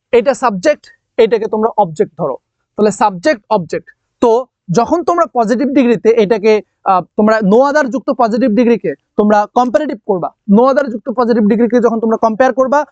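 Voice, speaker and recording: A man's voice: high-pitched, a little mellow, no echo. A man with a Bangladeshi Bengali accent teaching an English grammar lesson, explaining step by step and often checking understanding, with thinking-aloud fillers and self-corrections.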